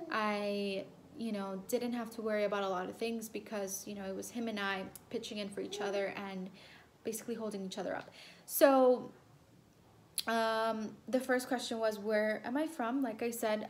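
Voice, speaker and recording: A young woman from El Salvador telling a personal story to camera in a casual, rambling way, full of ums and repeats. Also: fairly high pitch. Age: young adult. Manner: chatty, rambling, many ums and repeated phrases. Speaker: vlogger.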